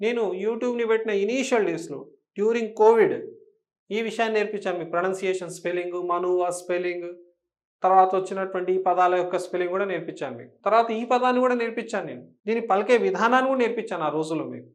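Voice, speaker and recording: A man's voice: high voice, racing. A man with a Telugu accent teaching English for an exam, explaining patiently and often checking that students follow. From Telangana, India. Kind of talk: exam-prep lesson.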